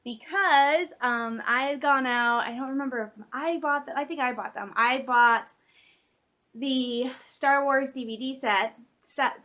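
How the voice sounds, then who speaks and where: A woman's voice: on the high side, pushed and bright. A woman in her late twenties chatting casually to the camera from her room at home, rambling and giggling, with lots of fillers. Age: late 20s. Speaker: vlogger.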